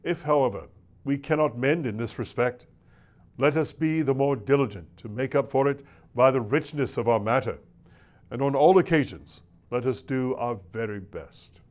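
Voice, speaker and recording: Reading a classic nineteenth-century lecture addressed to preachers, this man has a mid-range, slightly mellow voice. He delivers the script in a measured, oratorical way, moving the emphasis around.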